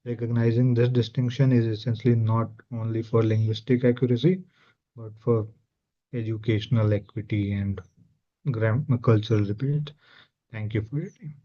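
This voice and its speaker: Male academic presenter, medium pitch, dull lo-fi video-call sound. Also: steady tone, moderate pace. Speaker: research presenter. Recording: dull, lo-fi online call audio.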